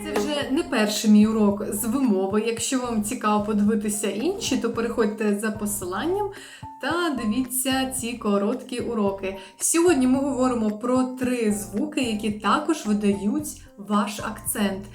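A woman from Ukraine teaching an English pronunciation lesson, drilling sounds slowly and carefully. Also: a little high, a little mellow. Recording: roomy with faint music.

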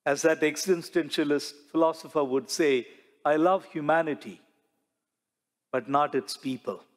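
In a big sanctuary, a middle-aged priest with a somewhat high voice for a man delivers his sermon at a slow, careful pace. He gestures and poses rhetorical questions, and his lapel mic picks up a long church reverb behind every phrase.

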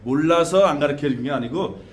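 A man teaching students as a shaman teacher, lecturing in an animated way with frequent tag questions and laughter. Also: a little high, fairly quick. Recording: echoey room with faint background noise.

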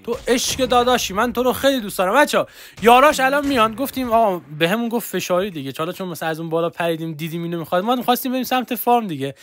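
A young man streaming a mobile shooter, chatting excitedly to his viewers as he plays. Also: high-pitched. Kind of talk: live gameplay commentary.

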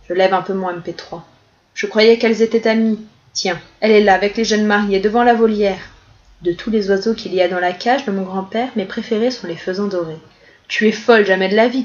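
A woman reading the opening pages of a novel aloud in a calm, even storytelling manner, in slightly dull audio. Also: medium pitch. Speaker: reader.

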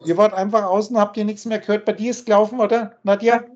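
A man's voice: high-pitched, little pitch movement, fast talker. A man teaching spiritual ideas on a video call, emphatic and insistent, often repeating his key points. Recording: muffled lo-fi call audio.

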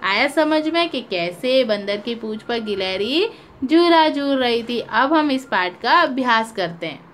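A woman's voice: on the high side, lively intonation, measured pace, fairly bright tone, slight background noise. A woman teaching young children, reading a story aloud and repeating questions for her pupils. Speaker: primary school teacher.

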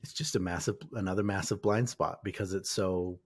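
A man's voice: low voice, steady tone, brisk, breathy edge. A man co-hosting a podcast, musing loosely about privacy risks in casual chat. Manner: musing, loose, restarts phrases. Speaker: podcast co-host.

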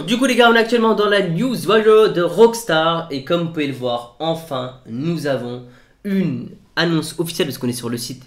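Man, gaming YouTuber, excitable, repeats himself, raised voice, echoey room. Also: a little high. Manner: excitable, repeats words over and over. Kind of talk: casual gaming news vlog. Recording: roomy echo.

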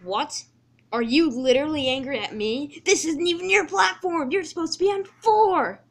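A woman's voice: high voice, expressive, moderate pace, a bit bright. A woman voicing a vain, hot-tempered male engine who scolds in a raised voice. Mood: indignant. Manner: indignant, scolding.

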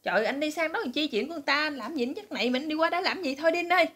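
A woman's voice: very fast, a bit bright. A woman voicing a fretful wife who fusses and squeals at her husband. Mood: fussing. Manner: high-pitched, fussing.

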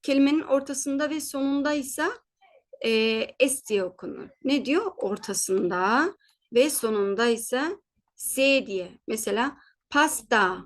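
Her voice runs fairly high as she patiently coaches German pronunciation. She repeats every word at a slow pace, checks in frequently, and fixes her own mistakes as they come up.

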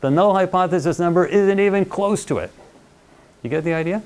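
A man's voice: high-pitched, a little fast, darkish tone. A man giving a university lecture in a conversational, playful way, often checking in with his students. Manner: playful, acts out little quoted voices. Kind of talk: classroom statistics lecture.

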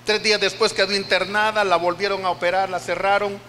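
An older man with a Costa Rican accent preaches a heartfelt testimony, repeating phrases as he tells it. His voice sits high and bright. Long church-hall reverb with a faint hiss behind him. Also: little pitch movement, a little fast. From Costa Rica. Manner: emotional storytelling with repeated phrases. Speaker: pastor. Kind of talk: sermon testimony.

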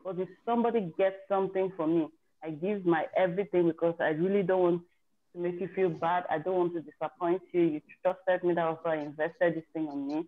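Over a video call that makes her voice thin and phone-like, a woman shares the story of her exam success. Her voice sits on the low side with fairly even intonation and a fairly quick pace, and she speaks candidly and chattily, going back to fix her wording as she talks.

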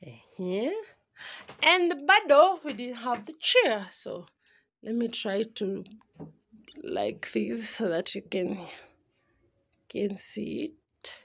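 A Kenyan-accented woman in her twenties vlogs from a small room at home, chatting casually and animatedly, slipping into Swahili and hunting for words. Her fairly high, fairly bright voice is gravelly with lively intonation, and she speaks slowly with long pauses.

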